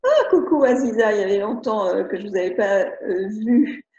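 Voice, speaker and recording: A woman's voice: mid-range voice, lively intonation, moderate pace, darkish tone. A woman with a French accent leading a live webinar as an educator, speaking in a chatty, hesitant way with many restarts while she answers viewers' questions. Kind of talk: live video-conference talk, reading viewer questions. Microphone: computer mic on video call. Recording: muffled roomy video-call audio.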